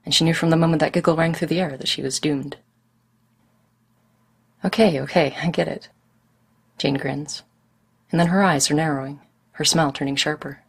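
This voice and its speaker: Woman narrating a story, low pitch, husky, gravelly fry, steady and unhurried. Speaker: fan fiction reader. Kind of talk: audiobook story reading.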